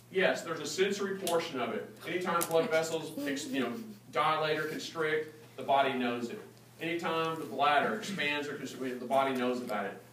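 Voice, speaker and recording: A man's voice: fairly high pitch, a bit bright, distant mic, slight background noise. Casual man lecturing in an echoey hall. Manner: casual and joking, keeps checking understanding with "okay?". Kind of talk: classroom lecture with student questions. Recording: echoey room recorded from afar.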